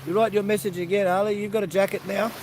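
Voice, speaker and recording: High-voiced Australian man streaming by the sea. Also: flat delivery, quick pace, background noise. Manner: chatty, addresses viewers by name, easygoing. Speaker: livestream host. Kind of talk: casual live-stream chat to viewers. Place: outdoors by the sea.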